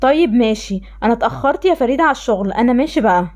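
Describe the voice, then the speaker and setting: A cold, scornful father, as a woman with an Egyptian accent puts him on, pitched well below her own voice but still high. He talks briskly and dismissively in a game-animation story. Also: expressive, a little mellow, natural voice. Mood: harsh. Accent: Egyptian Arabic.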